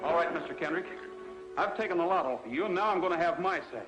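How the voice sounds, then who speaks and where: A calm, honest young cowboy, played by a man, talks in a plain, even way with a slightly raised pitch. Faint music sits behind him on the old film soundtrack. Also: fast, natural voice, rough recording. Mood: defiant.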